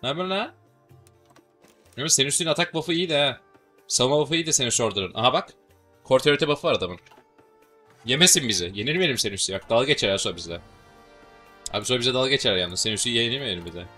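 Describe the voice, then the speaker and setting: A man's voice: medium pitch, expressive, very fast, pushed and bright, soft background music. A man with a Turkish accent giving casual, joking commentary while playing a strategy game, swearing casually as he goes. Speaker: gaming channel host.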